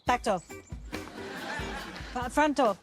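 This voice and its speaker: A woman's voice: a little high, slow, a crowd in the background. An actress playing a brash, crude young woman who blurts out cheeky answers, heard in a film clip. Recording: film clip with music underneath.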